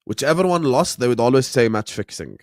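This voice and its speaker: A man's voice: mid-range voice, expressive, brisk, no room sound, clean studio sound. A man in his late twenties from the Gulf, hosting a football watchalong live stream with slangy, laid-back chat. He chuckles often and answers viewers directly. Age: late 20s. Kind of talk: casual chat, reacting to a match and reading chat.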